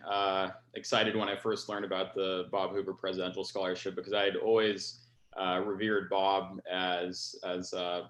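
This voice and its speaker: A man's voice: deep voice, a bit bright, roomy sound. A young man in his twenties, a pilot, answering interview questions earnestly with many fillers. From France. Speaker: scholarship recipient, pilot.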